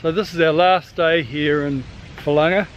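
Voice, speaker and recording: A man's voice: on the high side, fairly even intonation, moderate pace, lo-fi sound, slight background noise. A man in his fifties with a New Zealand accent, chatting casually as he walks and films a sailing vlog on a tropical island. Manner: chatty, upbeat, teasing. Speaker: sailing vlogger. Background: music.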